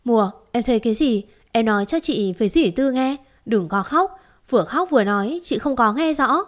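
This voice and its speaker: A woman voicing a gentle young woman who coaxes a frightened girl softly. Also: fairly high pitch, expressive, moderate pace, natural voice. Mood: soothing. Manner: soft coaxing.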